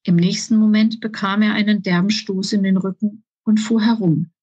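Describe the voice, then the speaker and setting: A woman reads her children's book aloud in a calm, even storytelling voice. Her voice has a soft, breathy edge. She is recorded close up in a dry room. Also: medium pitch, normal speed, no room sound, dull audio. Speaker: author reading her book.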